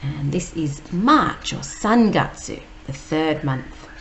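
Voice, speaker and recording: A woman teacher, reading a picture book aloud slowly and explaining each word. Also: low voice, expressive, vocal fry, a bit bright, a little hiss or hum, low-quality recording. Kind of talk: read-aloud storytime.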